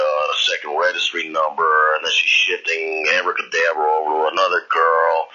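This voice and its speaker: A man's voice: rumbling low, sharp tone, slightly rough. An older man leaving a long, rambling, disjointed answering machine message, repeating himself. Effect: answering machine message recording. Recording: muffled lo-fi answering machine tape.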